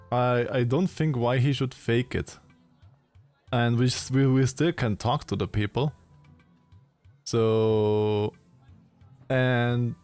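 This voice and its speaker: A man casually commentating a game live, giggly and halting with frequent ums. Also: medium pitch, a little mellow. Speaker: streamer.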